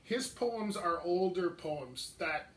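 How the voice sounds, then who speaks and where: Canadian man, 50s, high bright voice, laughing easy talker, roomy echo from off mic. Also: expressive, slow, distant mic. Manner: laughs often, rambling and self-deprecating. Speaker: podcast host being interviewed. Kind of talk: casual interview chat. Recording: echoey room, off mic, faint noise.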